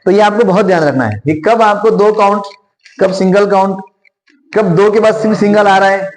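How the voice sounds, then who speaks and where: High-voiced man teaching Quran recitation. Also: reverberant, rough recording. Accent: Indian Hindustani. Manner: drills pronunciation, quizzing students and repeating words slowly. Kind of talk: classroom Quran recitation lesson.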